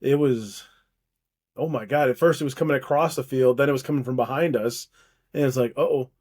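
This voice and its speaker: One co-host of a casual podcast speaks briskly in a mid-range, slightly mellow voice. He rambles in loose bursts, restarts a lot and breaks into laughter easily.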